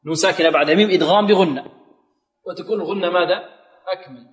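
A man teaching recitation who quizzes his listeners, answers his own questions, and slowly repeats words to model how they should sound. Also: high-pitched, echoey room, big-room sound. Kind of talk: recitation lesson.

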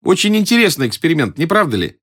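A man voicing a calm, teasing young African woman in an audiobook reading, with a cool, unbothered manner. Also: fairly high pitch, fast talker, slightly rough, voice pushed up, heavily acted. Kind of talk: audiobook character voice.

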